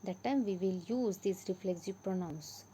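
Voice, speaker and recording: A woman's voice: mid-range voice, moderate pace, dark tone, slight background noise, poor audio. A woman with an Indian English accent teaching a grammar lesson, patiently repeating and stressing example words.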